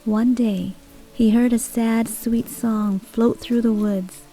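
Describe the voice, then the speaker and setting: A woman narrates a bedtime fairy tale in a soft, soothing voice. Her pace is very slow and her tone mellow and dark. Calm music plays faintly underneath. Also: fairly high pitch, poor audio. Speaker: storyteller. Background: soft calm music and rain.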